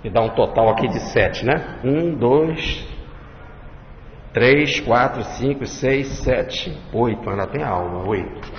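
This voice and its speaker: A man giving a religious study lecture, explaining and listing points one by one. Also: medium pitch. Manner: explanatory, repeats and enumerates points slowly. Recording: echoey hall, dull lo-fi, faint hiss.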